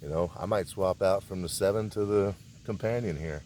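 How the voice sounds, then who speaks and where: Man with a low voice, easygoing survival demo outside, faint crickets behind. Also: moderate pace, darkish tone, a little hiss or hum. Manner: laid-back, rambling, folksy. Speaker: survival vlogger. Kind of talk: casual outdoor demonstration. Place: outdoors in a rural area.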